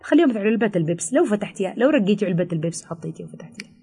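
Fast-talking Yemeni woman counselor. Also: mid-range voice, lively intonation, dark tone, husky. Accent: Yemeni Arabic. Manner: rapid explanatory, with hesitations. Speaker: teen counselor. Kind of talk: expert interview answers.

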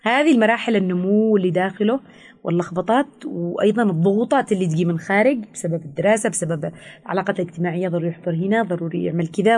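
A woman with a Yemeni Arabic accent, a counselor explaining things in an interview, fast with frequent hesitations. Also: mid-range voice, a little mellow. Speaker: teen counselor. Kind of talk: expert interview answers.

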